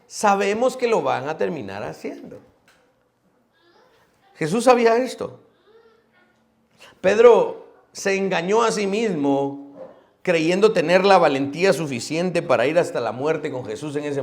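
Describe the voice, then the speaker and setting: Animated Guatemalan pastor preaching. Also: male voice, gravelly. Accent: Guatemalan Spanish. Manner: swings from loud emphatic questions to low quiet asides; acts out short quoted dialogue in his sermon. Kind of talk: expository sermon.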